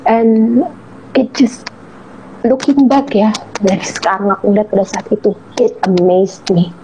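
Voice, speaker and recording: A woman telling a heartfelt personal story as an interview guest, earnest and slowing on key words. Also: medium pitch, fairly even intonation, mellow. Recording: muffled lo-fi audio with faint hiss.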